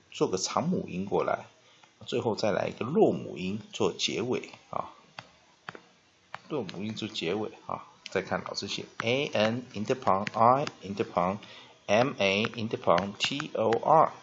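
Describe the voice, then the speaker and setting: A man's voice: lowish voice, gravelly, slight background noise. A man teaches English vocabulary at a whiteboard, explaining step by step, spelling words out and often drawing out a filler "ah". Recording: dull lo-fi recording.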